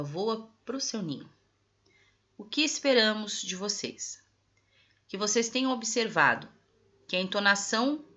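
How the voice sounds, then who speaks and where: A woman's voice: medium pitch, pushed and bright. A woman teacher with a Brazilian Portuguese accent, going over textbook exercises with her pupils and stressing each phrase. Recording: dull lo-fi recording.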